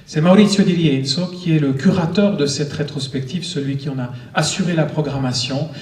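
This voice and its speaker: Higher-voiced male screening host, echoey auditorium. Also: fairly quick, darkish tone. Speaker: cinema host introducing a screening. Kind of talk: live public introduction, semi-improvised. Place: cinema auditorium before an audience. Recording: echoey auditorium, distant microphone.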